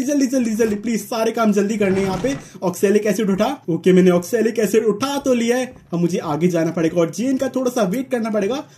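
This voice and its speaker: A man's voice: high voice, dark tone, slight background noise. A young man giving running commentary while he plays a horror game, tense, urging himself on and yelping when caught. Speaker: gaming YouTuber.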